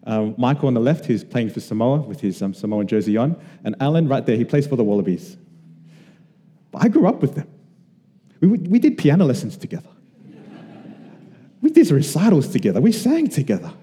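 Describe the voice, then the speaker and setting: A man from Australia preaches in an earnest, conversational way, slowing for emphatic pauses. His voice is very dark and mellow. The sound rings with the long reverb of a church hall. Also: mid-range voice, big pitch swings. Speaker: pastor. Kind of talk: sermon.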